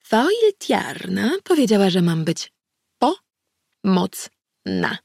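A woman's voice: medium pitch, very animated, normal speed, vocal fry, a little mellow, husky, no echo, clean studio sound, full character voice. A woman voicing an ancient female war goddess who speaks in an offhand, blunt way in an audiobook.

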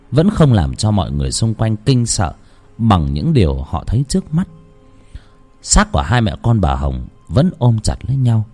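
A man's voice: on the low side, a little mellow. Dramatic male ghost story narrator.

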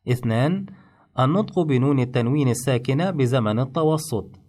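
A man teaching in measured, step-by-step instructional narration. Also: mid-range voice, expressive, darkish tone. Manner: measured, explains rules step by step.

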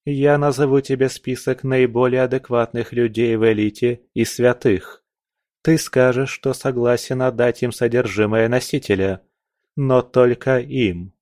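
A man's voice: mid-range voice, fairly even intonation, measured pace, a little mellow, dry recording, studio quality, pitched above the performer's own voice, lightly acted. A man voicing a stern young woman agent who gives curt, decisive orders in an audiobook. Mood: firm, commanding.

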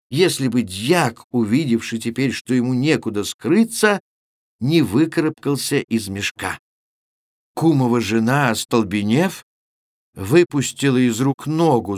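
A man's voice: mid-range voice, dry recording, studio quality. A male professional announcer reading a classic story aloud in a theatrical, vivid storytelling manner. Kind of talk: expressive literary audiobook reading.

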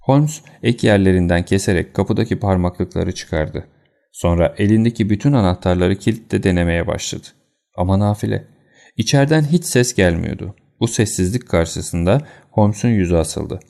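A man narrates an audiobook in a steady, even manner. His voice sits very low, with a dark, mellow tone. A gravelly creak runs through it. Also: normal speed. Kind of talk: scripted narration.

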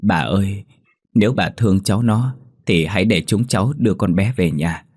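A man voicing a gentle village man who coaxes a grieving old woman to rest. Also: deep voice, moderate pace, slightly rough, no room sound, clean studio sound. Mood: soothing. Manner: soothing, coaxing.

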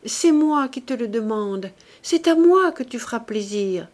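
A woman's voice: a little high, animated, measured pace, a little mellow, pitched above the performer's own voice. A woman reading a distraught young wife's lines in an urgent, pleading voice.

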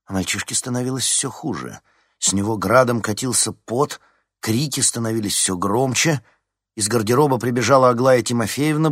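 A man's voice: mid-range voice, dry recording, clean studio sound. A man reading a novel aloud as scripted narration, giving each character a voice. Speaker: audiobook narrator.

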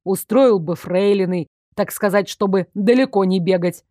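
A woman's voice: mid-range voice, moderate pace, mellow, no echo, close to an everyday voice. A woman reading an audiobook voices a mild, meek male archive clerk with a dry, skeptical manner.

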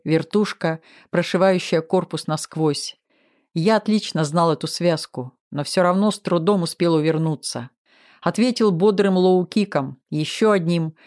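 A man's voice: high voice, darkish tone. Man narrating an audiobook. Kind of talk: first-person audiobook narration.

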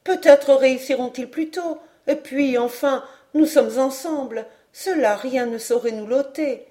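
A woman's voice: sits high, unhurried, mellow, voice pushed up. A woman voicing a resolute comforting young woman.

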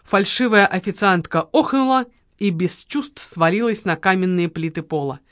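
A woman reading a novel aloud in an expressive narrating style. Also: mid-range voice, normal speed, no room sound, studio quality. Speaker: audiobook reader. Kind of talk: scripted narration.

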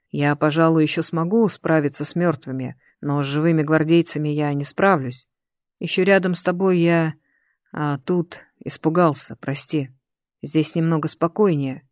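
A reader voicing a young prince who speaks quietly and apologetically, hesitant and frightened, in an audiobook. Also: medium pitch, no room sound, clean studio sound, close to an everyday voice.

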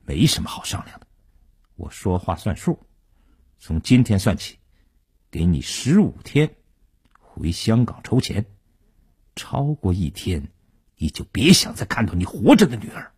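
A man playing a cold, menacing male gangster who collects debts, speaking low and quietly. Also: huge pitch swings, a little slow, pauses often, breathy edge, heavily acted.

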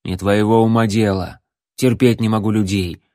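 A man voicing a coarse, surly male hermit hunter who hates people and shouts insults. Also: flat delivery, normal speed, no room sound, clean studio sound, close to an everyday voice. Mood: scornful. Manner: shouting insults, later shrill panicked falsetto.

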